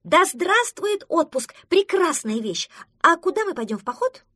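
A woman's voice: sits high, big pitch swings, moderate pace, a bit bright, no echo, studio quality, voice pushed up. A woman voicing a curious, cheeky little duckling in a children's audiobook who asks question after question. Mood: excited.

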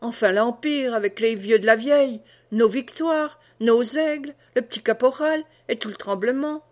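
A woman voicing a drunk, boastful old peasant man who blusters oaths and hiccups, slightly lower and slower than her own voice. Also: natural voice.

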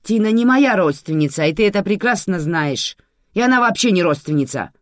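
A reader voicing a calm but stern woman who runs a kitchen, speaking curtly. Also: medium pitch, brisk, dry recording, studio quality, pitched above the performer's own voice, lightly acted. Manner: curt and stern. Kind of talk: audiobook character voice.

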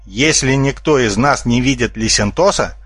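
A man's voice: mid-range voice, moderate pace, a bit bright, husky, no room sound. A man voicing a clever male rabbit in an audiobook, reasoning earnestly.

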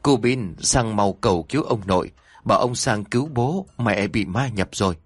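A man's voice: fairly low pitch, expressive, moderate pace, dry recording. A man voicing a young husband who speaks in strained, choked words while being strangled. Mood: desperate.

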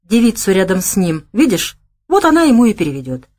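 A woman's voice: mid-range voice, very animated, a little fast, a little mellow. A woman voicing a commanding young woman who owns a club, curt and bossy.

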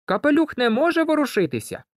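A reader voicing a fussy, excitable farm girl in a storybook, shrill and fretful. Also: fast, dry recording, studio quality.

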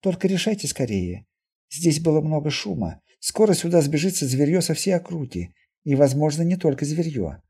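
A man voicing a calm, earnest young mutant woman in an audiobook, speaking softly and evenly. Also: on the high side, moderate pace, husky, pitched above the performer's own voice, full character voice. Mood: urgent.

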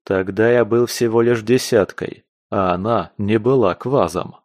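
A man's voice: fairly low pitch, unhurried, no echo, studio quality. A man reading a first-person audiobook in a gritty, slangy, crude manner. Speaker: audiobook reader.

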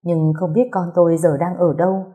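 Brief: woman audiobook narrator, low mellow voice, earnest emotional first-person storytelling. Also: level tone, brisk.

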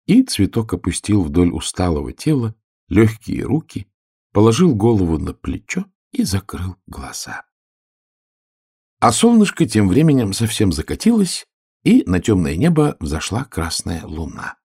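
A man narrating a storybook in an expressive, storytelling manner. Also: lowish voice, measured pace, gravelly, breathy edge.

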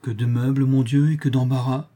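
A man voicing a proud, bitter young woman in a low, subdued tone, reading a story aloud. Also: little pitch movement, a little fast, mellow, close to an everyday voice. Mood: cool.

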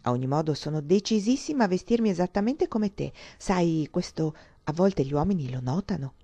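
A woman voicing a flattering, effusive young woman in a dramatized audiobook reading, talking in a confiding, theatrical way. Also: lowish voice, a little fast. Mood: gushing, confiding.

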